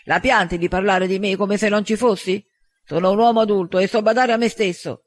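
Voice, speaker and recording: A man's voice: high voice, fairly even intonation, brisk, close to an everyday voice. A man voicing an indignant, snappish young man in an audiobook. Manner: protesting, snappish. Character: indignant young man, the only human among wolves. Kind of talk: audiobook dialogue.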